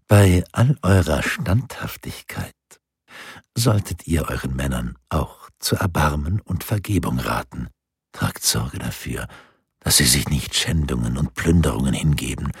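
A man voicing a calm, alluring woman who reads cards in an audiobook, speaking in a husky, measured way. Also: extremely low pitch, dry recording, studio quality, exaggerated voice. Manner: measured, advising. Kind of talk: audiobook character voice.

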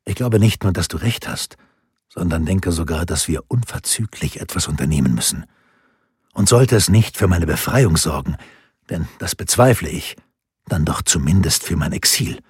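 A resolute imprisoned nobleman speaks in a low, sober, measured way, read by a man. The voice is deep and very husky. It is recorded close and dry, as in a storybook reading. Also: animated, dry recording, full character voice. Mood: grave.

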